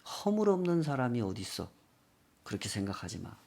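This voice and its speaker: A man voicing a calm older pastor who gently admonishes a young man. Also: medium pitch, normal speed, gravelly. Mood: admonishing. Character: calm older male pastor counseling a youth.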